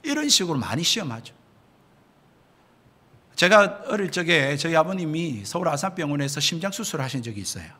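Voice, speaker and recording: Male pastor, sermon, high voice, bright tone, emphatic, rhetorical questions. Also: big pitch swings, brisk, pauses often, slightly rough. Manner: emphatic, keeps addressing the congregation, rhetorical questions. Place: church sanctuary.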